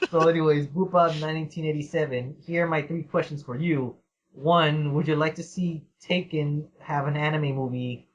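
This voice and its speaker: A man's voice: on the high side, steady tone, normal speed. Rambling laughing podcast host guy. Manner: rambling, laughs often, swears. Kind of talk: casual Q&A chat. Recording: dull lo-fi sound.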